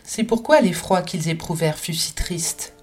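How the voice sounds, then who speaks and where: A woman's voice: fairly low pitch, normal speed, a little mellow, slightly rough. A woman voicing a spirited, passionate French woman in an audiobook, talking emphatically and with many exclamations. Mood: fervent. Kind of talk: audiobook character reading.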